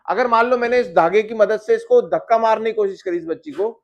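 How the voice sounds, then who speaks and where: A man's voice: sits high, fairly quick, highs cut off. A male physics teacher giving a classroom lecture, often asking his students questions and calling them "beta".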